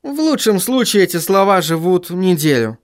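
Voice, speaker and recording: A man voicing a lively, cheerful young woman with a light, coaxing manner. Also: sits high, moderate pace, pitched above the performer's own voice. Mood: teasing.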